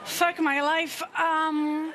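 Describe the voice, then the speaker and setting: A woman's voice: high voice, little pitch movement, very slow, background noise. A woman improvising a comedy scene, sounding exasperated and making laughing asides.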